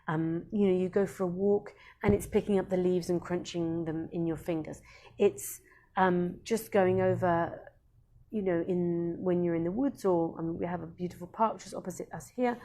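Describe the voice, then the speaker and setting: A woman who is a Montessori educator, hosting a casual live-stream talk in an unhurried, earnest way with many pauses and ums. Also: on the low side, a little mellow, a little hiss or hum.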